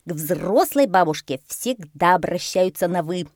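A woman's voice: fairly low pitch, expressive, measured pace, no room sound, clean studio sound. A woman voicing a bossy, self-important parrot in a storybook reading. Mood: lecturing. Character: bossy know-it-all parrot.

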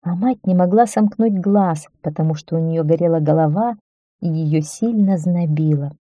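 A woman narrating a children's story aloud, calm and steady. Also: on the low side, moderate pace, dry recording.

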